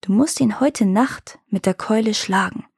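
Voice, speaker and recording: A woman's voice: medium pitch, unhurried, gravelly, a little mellow, breathy edge, dry recording, studio quality. A woman voicing an ancient, scheming female dragon who plots coldly. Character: ancient scheming dragon mother with glowing red eyes.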